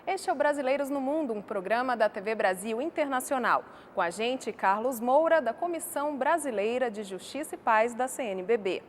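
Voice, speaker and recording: A woman presenting a television program in a crisp, announcer-like way. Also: a little high, animated, moderate pace, few pauses, a little hiss or hum. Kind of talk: scripted broadcast presenting.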